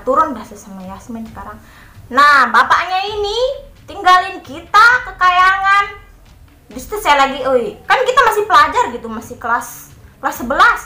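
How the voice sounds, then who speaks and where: A young woman from Lombok, Indonesia, casually telling a story to her vlog audience and acting out the voices of the people in it. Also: sits high. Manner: animated, acts out quoted voices. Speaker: vlogger. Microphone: phone camera. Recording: echoey room.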